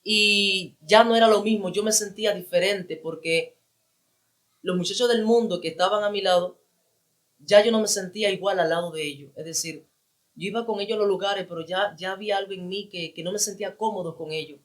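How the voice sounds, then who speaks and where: Male evangelist, high-pitched, telling his story with feeling and repetition. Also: brisk, a bit bright. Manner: emotional, repeats phrases for emphasis. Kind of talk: personal testimony.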